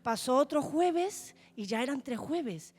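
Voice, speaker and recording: A woman's voice: high-pitched, animated, slow, a little mellow. A middle-aged woman from Spain, giving an earnest church testimony to the congregation. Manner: heartfelt, addresses the congregation as brothers. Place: church hall.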